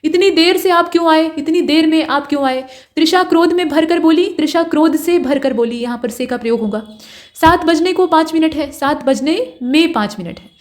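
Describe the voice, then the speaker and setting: A woman with a high voice leads an exam-prep spelling lesson. She works through each wrong form and then gives the right one, explaining the rule in a steady, step-by-step way. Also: moderate pace. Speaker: teacher.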